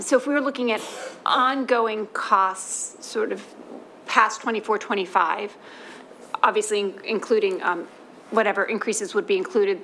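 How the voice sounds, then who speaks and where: A woman chairing a formal public meeting, asking questions in measured, halting phrases. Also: mid-range voice, fairly bright tone. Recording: faintly noisy meeting room.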